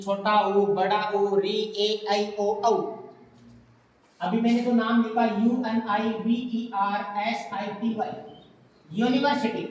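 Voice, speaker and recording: A man teaching an English grammar lesson step by step. He voices his students' questions and then answers them, writing examples on a board. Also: high-pitched. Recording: very echoey room with long reverb.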